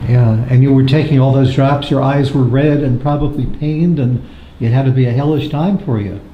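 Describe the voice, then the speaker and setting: A man's voice: mid-range voice, normal speed, highs cut off. A man interviewing a guest sympathetically, summing up what the guest has said. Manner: sympathetic, sums up the guest's words. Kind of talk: conversational interview. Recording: echoey room with faint noise.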